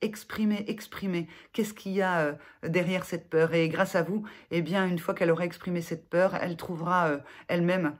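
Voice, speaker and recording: A woman therapist giving gentle self-help advice to viewers in a vlog, speaking haltingly with many filler sounds and restarts. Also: fairly low pitch, steady tone. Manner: gentle, reassuring address to viewers.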